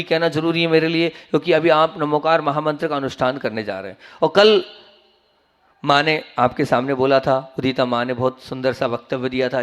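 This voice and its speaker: A man, a monk, preaching a sermon to a gathering in an earnest, instructive way, teaching how to pronounce a mantra. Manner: earnest, instructive, urges listeners to repeat and pay attention; swings between soft low phrases and raised emphatic ones.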